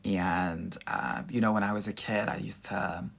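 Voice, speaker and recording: Low and a bit creaky, a man's voice stays steady and moves a little slowly as he dishes out casual dating advice on a livestream. He's a dating coach and host with a Southern California Valley Girl accent, talking sassy girl-to-girl and peppering in "girl" and "honey."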